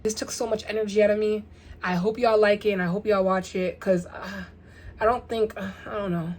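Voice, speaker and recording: A young woman talking casually to her viewers in a rambling, animated vlog, firing off rhetorical questions. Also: medium pitch, a little fast. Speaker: vlogger. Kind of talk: casual get-ready-with-me vlog.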